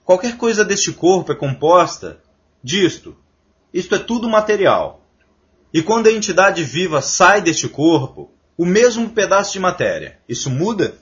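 A man's voice: high voice, big pitch swings. Emphatic man giving a scripture lecture. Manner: recites Sanskrit verses slowly and deliberately. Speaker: spiritual lecturer. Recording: dull lo-fi lecture recording.

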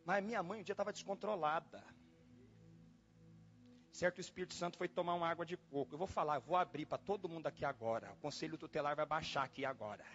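A pastor preaching in a church, telling a personal story in a dramatic way, exclaiming and repeating himself. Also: male voice, on the high side, fast, fairly bright tone. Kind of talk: storytelling sermon. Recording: dull lo-fi sound with faint music.

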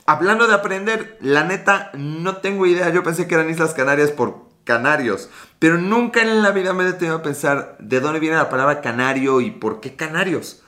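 A Mexican man in his late thirties hosts a casual livestream, reading viewer comments in a rambling, joking way and swearing often. His voice is on the high side, expressive and sharp, at a normal speed.

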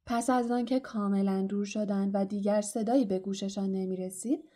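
A woman narrating a children's fantasy audiobook in an expressive storytelling manner. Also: mid-range voice. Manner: expressive storytelling, voicing characters.

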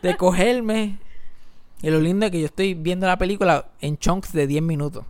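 A young man with a Puerto Rican accent tells a funny story in casual chat, animated and profane, squealing high when he quotes himself. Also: moderate pace, dry recording.

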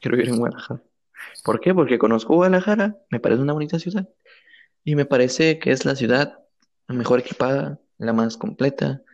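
A man's voice: medium pitch, brisk, darkish tone. Blunt young Mexican man, muffled sound. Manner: opinionated, blunt, slangy. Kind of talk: casual chat.

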